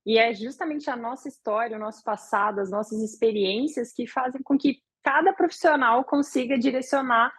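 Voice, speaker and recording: A woman's voice: on the high side, moderate pace, hardly any pauses, slightly rough, no room sound. A woman hosting an interview, reflecting on each person's unique path and affirming her guest. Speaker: interview host. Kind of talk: conversational interview.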